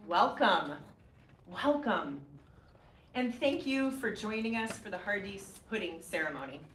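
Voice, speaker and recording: A woman's voice: mid-range voice, animated. Woman giving a formal ceremony welcome. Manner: warm, measured address listing guests one by one. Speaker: professor and ceremony host. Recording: echoey hall, faint ambient noise.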